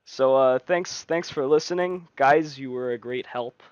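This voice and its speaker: A man's voice: mid-range voice, a little slow, clear, resonant tone, dry recording. A man telling a story to friends on a stream, casual and rambling, often restarting his sentences. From United States. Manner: rambling, frequent restarts and fillers. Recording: dull lo-fi stream mic.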